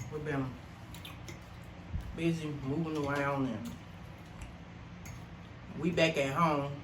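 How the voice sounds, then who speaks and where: Slow, high-pitched man chatting while chewing. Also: a bit bright. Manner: drawn-out appreciative mm sounds. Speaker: mukbang host. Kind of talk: casual mukbang chat. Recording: roomy, noisy, distant mic.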